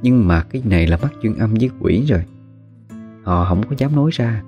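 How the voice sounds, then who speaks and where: A man narrating a horror story in a relaxed, conversational way with spoken fillers. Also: lowish voice, fairly quick. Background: faint guitar music.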